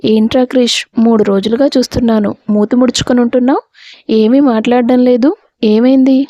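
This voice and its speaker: A woman's voice: fairly high pitch, fairly even intonation, a little fast, mellow, dry recording, close to an everyday voice. A woman voicing a lovesick young woman who hides her feelings and pleads earnestly for her friend. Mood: sad.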